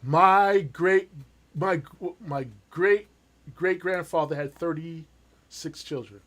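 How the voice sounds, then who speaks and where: A man's voice: fairly high pitch, slow pace, fairly bright tone. A man hosting a podcast. He talks in an earnest, reflective way and often affirms what his guest says. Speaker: podcast host. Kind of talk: casual conversation.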